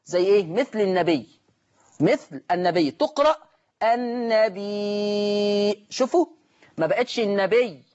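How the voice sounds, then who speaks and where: A man's voice: high-pitched, sing-song, a little fast, a little mellow. An Egyptian-accented man teaches Quran recitation on a broadcast lesson. He poses questions and answers them himself, repeating each key term. The audio is slightly dull.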